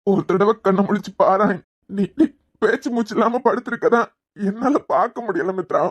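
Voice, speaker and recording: In this cartoon web series clip, a woman with a medium-pitched voice performs the role of a worried young man caring for a fainted girl. Her delivery is lightly acted, at an ordinary pace with no echo, pleading and gentle in a Kanyakumari Tamil accent.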